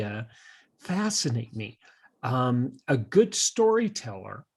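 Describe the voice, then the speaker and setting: A man with a fairly high, slightly husky voice co-hosts a conversational podcast. He explains ideas thoughtfully and haltingly, in the manner of a teacher.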